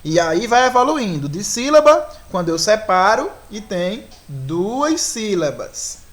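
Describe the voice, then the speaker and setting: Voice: mid-range voice, very animated, slow pace. A teacher with a Brazilian Portuguese accent, explaining a grammar lesson step by step and often asking the class whether they follow.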